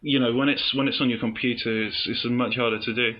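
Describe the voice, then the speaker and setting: A man's voice: medium pitch, steady tone, fairly quick. Easygoing man on dull lo-fi audio. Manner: easygoing, hesitant. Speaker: podcast co-host. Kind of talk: casual podcast chat.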